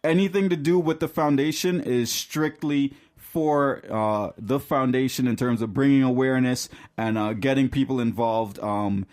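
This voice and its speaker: A man's voice: mid-range voice, fairly even intonation, moderate pace, few pauses, darkish tone. A young man from Trinidad co-hosting a casual podcast, upbeat and rambling, laughing often. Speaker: podcast co-host.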